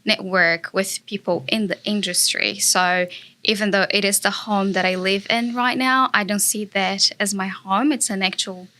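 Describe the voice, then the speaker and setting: Chatting as a guest in an informal interview, a property investor from Brazil speaks earnestly with frequent fillers and a Brazilian Portuguese accent. Her voice is medium-pitched, pushed and bright, with fairly even intonation and a moderate pace.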